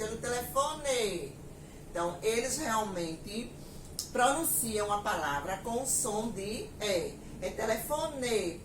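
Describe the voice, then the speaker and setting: A woman teacher with a Pernambuco accent gives a lesson, dictating words and sentences slowly. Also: mid-range voice, slight background noise. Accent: Pernambuco Portuguese. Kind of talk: recorded classroom lesson. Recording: echoey room, mic at a distance, faint ambience.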